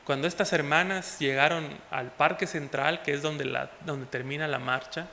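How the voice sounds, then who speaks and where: High bright-voiced Mexican pastor preaching. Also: male voice, fairly even intonation, moderate pace, creaky, slight background noise. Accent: Mexican Spanish. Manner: impassioned, swings between loud exhortation and soft asides. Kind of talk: sermon. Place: church hall. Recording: echoey church hall.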